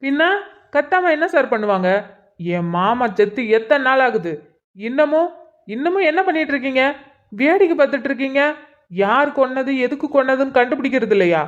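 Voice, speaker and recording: A woman voicing a hot-headed young man in a cartoon, who shouts accusations at the police. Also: mid-range voice, animated, brisk, highs cut off, natural voice. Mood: angry.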